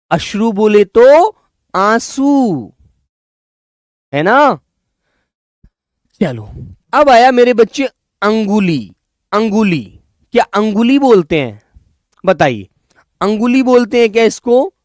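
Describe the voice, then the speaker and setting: A man teaching in a live online class, coaxing his students and drilling words by repeating them slowly. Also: high-pitched, sing-song, no echo, clean studio sound. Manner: coaxing, addresses students as children and brothers. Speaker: Hindi teacher.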